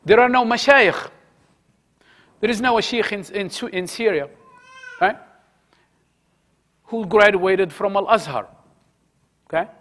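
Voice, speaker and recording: A man's voice: high voice, slow pace, long pauses, fairly bright tone. A man teaching a religious study circle in a conversational way, asking his listeners questions, repeating key phrases and mixing in Arabic words. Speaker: halaqa teacher.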